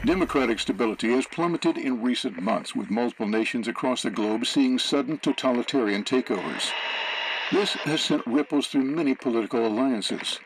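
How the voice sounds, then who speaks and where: Man acting as serious formal news reporter guy in a game teaser, mid pitch, bit of static. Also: natural voice, rough recording. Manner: formal, measured. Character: measured, serious male news analyst reporting world events. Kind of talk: scripted news report narration. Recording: faint noise, radio static. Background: faint radio static and ambience.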